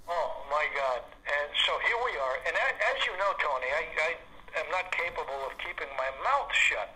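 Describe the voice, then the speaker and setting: A man's voice: on the high side, lively intonation, moderate pace, sharp tone, low-quality recording. A man from Massachusetts, an author being interviewed, telling a long story with hesitant fillers. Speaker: author, guest.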